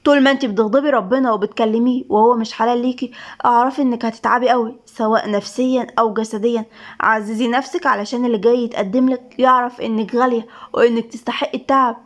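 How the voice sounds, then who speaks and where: A woman's voice: a little high, fairly even intonation, quick pace, natural voice. A woman voicing a caring older sister who lectures her sibling reproachfully, with an Egyptian accent. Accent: Egyptian Arabic.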